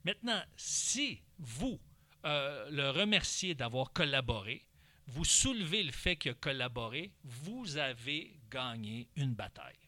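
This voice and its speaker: Lively Québécois man giving parenting advice. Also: mid-range voice, unhurried, no echo. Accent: Québécois French. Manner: animated, briefly acts out parent and child lines. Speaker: parenting instructor. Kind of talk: instructional talk.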